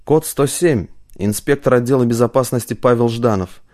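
A man's voice: mid-range voice, normal speed, dark tone, pitched above the performer's own voice, lightly acted. A man voicing a male security inspector in an audiobook, talking in a clipped, businesslike way. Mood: matter-of-fact.

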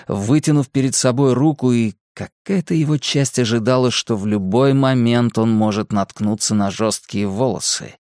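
Measured male audiobook narrator, dry sound. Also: mid-range voice, no echo. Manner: steady, measured reading.

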